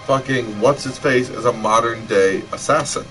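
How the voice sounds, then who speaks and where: This game livestreamer from Michigan, speaking in an American accent, is a man with a mid-range, slightly bright voice at a moderate pace. He rambles casually with friends, cracking sardonic jokes and swearing. The recording has a distant mic and music in the background.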